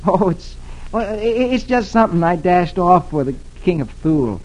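A man's voice: high-pitched, lively intonation, normal speed, a little mellow, voice pushed up, poor audio. A man voicing a shy, modest young squire who stammers bashfully, on an old radio broadcast with music.

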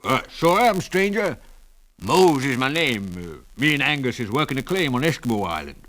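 A man's voice: mid-range voice, very animated, normal speed, fairly bright tone, pitched above the performer's own voice. A man doing a wheezy old prospector. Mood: drawling. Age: older. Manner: drawling, hesitant with uh and folksy grammar. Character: old simple-minded male prospector, slow and rustic. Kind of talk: audiobook character voice.

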